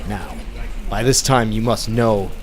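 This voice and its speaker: An actor playing a commanding, theatrical vigilante in an old time radio drama, speaking formally and pompously. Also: male voice, fairly low pitch, a little slow, natural voice. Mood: stern, urgent. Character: commanding, theatrical male masked vigilante of 1920s. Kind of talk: 1920s-set old time radio acting.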